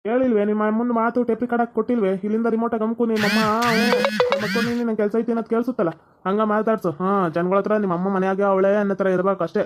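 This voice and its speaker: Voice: medium pitch, level tone, fast, soft background music, lightly acted. A performer with a North Karnataka Kannada accent playing a bossy, threatening young landlord's son in a village comedy skit.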